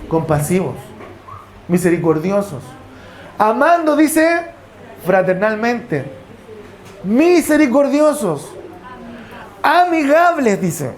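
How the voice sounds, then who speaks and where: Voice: mid-range voice, slight background noise. A preacher delivering a sermon in a church service. The preacher reads scripture aloud, asks the congregation questions, and repeats stock phrases of praise.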